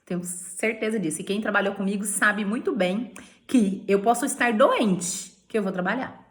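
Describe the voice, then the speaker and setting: Here the Brazilian sales director's voice is mid-range and her pace moderate. In this personal vlog about her career selling beauty products, she jokes around, laughs a lot and keeps adding "né?", all in a Brazilian Portuguese accent.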